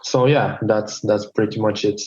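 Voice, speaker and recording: A man with a somewhat low, very flat voice. He answers interview questions in a measured way and sometimes stumbles over his words. The audio is dull and muffled, as on a remote call. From Bulgaria. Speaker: tech lead guest.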